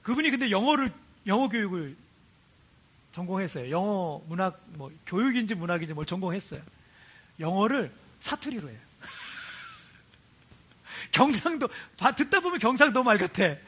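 A man's voice: high-pitched, big pitch swings, normal speed, long pauses, pushed and bright, husky, muffled recording. A man, a Korean pastor, preaching to his congregation in a church, chatty and repeating phrases for emphasis. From South Korea. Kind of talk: sermon to a congregation. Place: church in Cebu.

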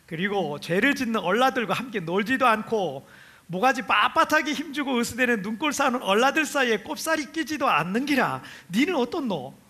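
A man's voice: very high-pitched, sing-song, a little fast, bright, forceful tone, breathy edge, full character voice. A pastor putting on a folksy Gyeongsang-accented man. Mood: folksy lecturing. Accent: Gyeongsang dialect. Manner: hammy, self-conscious put-on dialect.

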